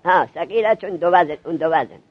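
Husky-voiced man quizzing his students. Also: a little high, no room sound, lo-fi sound. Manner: drills students with rapid questions. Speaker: seminary teacher. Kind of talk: classroom grammar lesson.

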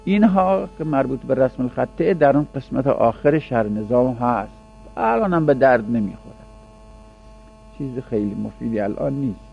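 A man teaching Arabic grammar in a classroom lecture, whose first language is Persian, drawing out the example words slowly. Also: medium pitch, expressive, gravelly, soft background music. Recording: dull lo-fi recording with mains hum.

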